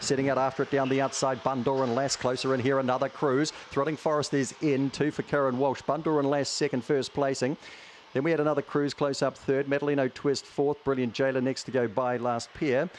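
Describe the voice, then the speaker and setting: A man's voice: mid-range voice, flat delivery, brisk, slight background noise. A man with a broad New Zealand accent calling a greyhound race in live commentary.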